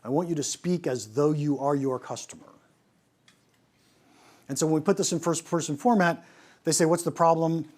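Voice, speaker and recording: Animated man teaching pricing. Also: fairly high pitch, moderate pace, pauses often. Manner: animated, asks rhetorical questions and often restarts. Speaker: pricing consultant. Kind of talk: presentation on pricing.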